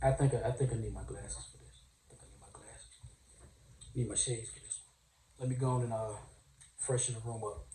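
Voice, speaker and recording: A man's voice: on the low side, fairly even intonation, a little fast, long pauses, mellow, a little hiss or hum. Rambling man in a roomy space. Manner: rambling, self-aware, filler-heavy. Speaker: podcast host. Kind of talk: casual monologue. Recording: roomy, distant from mic.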